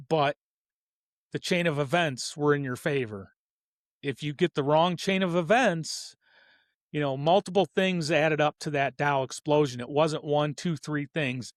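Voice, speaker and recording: The host, a man in his fifties, talks about hobby racing in a casual, opinionated, earnest way, wandering off and self-correcting. His voice is a little high, captured with clean studio sound and no echo.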